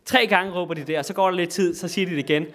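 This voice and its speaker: Danish preacher giving an impassioned sermon. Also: male voice, sits high, fairly bright tone. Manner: rises to exclamations, repeats phrases, loose with fillers.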